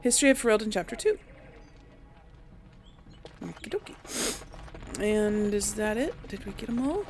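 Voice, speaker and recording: Medium-pitched and sing-song, this woman speaks at a normal pace and pauses often. She hosts a role-play gaming video, thinking out loud casually, reading dialogue choices and slipping into in-character dialogue.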